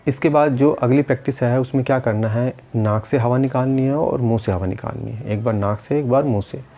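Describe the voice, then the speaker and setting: A man's voice: medium pitch, brisk, warm tone, slight background noise. A man teaching a speech-therapy lesson, patiently demonstrating and repeating sounds step by step.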